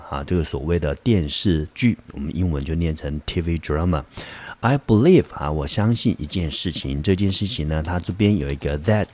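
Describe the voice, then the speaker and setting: A man with a deep, low voice, teaching a vocabulary lesson. He explains step by step, sprinkles in filler particles, and reads the English example sentences slowly and carefully. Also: a little mellow. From Taiwan. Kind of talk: recorded classroom vocabulary lesson.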